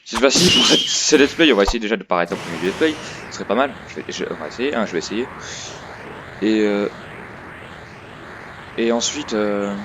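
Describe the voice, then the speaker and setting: A man's voice: fairly low pitch, expressive, fairly quick, pauses often. A man hosting a casual gaming let's play, thinking aloud in a rambling, hesitant way, recorded on a headset microphone. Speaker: gaming video host. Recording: noisy headset mic with clicks. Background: clear noise and clicking.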